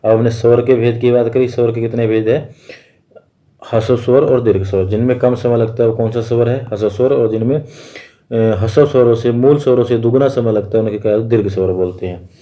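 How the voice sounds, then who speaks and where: A man's voice: mid-range voice, steady tone, brisk, warm tone. A man teaching an exam-prep grammar lesson, asking questions and answering them himself, repeating each key point.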